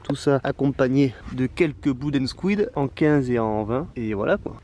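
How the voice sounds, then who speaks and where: A man's voice: mid-range voice, normal speed, mellow, slight background noise. A man talking to camera while fishing outdoors by a rocky reservoir, in a chatty, exclaiming and self-mocking way. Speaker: fishing vlogger. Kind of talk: casual outdoor vlog to camera.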